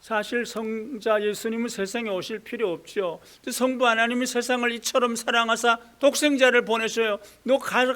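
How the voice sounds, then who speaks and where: A man's voice: very high-pitched, pushed and bright, smooth. A man preaching a sermon as pastor, earnestly repeating key phrases and affirming himself with a firm "yes.". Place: church.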